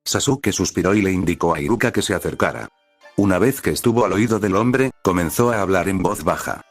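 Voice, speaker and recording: A man reading fan fiction aloud as storybook narration, at a steady, even pace. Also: deep voice, fairly quick, dry recording, soft background music.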